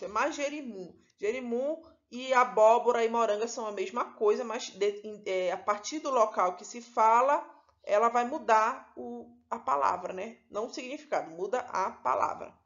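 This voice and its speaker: A woman teacher with a Paraense Brazilian accent explains a lesson in a slightly high voice. She checks in with "né" and corrects herself as she goes. The recording sounds dull and lo-fi. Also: moderate pace. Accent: Paraense Brazilian Portuguese. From Pará, Brazil. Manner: explanatory, with frequent "né" and self-corrections.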